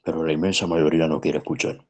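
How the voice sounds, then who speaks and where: A man's voice: extremely low pitch, steady tone, quick pace, a little mellow. A man, a pastor, telling a story in conversation in an earnest, emphatic way. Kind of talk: preaching in conversation.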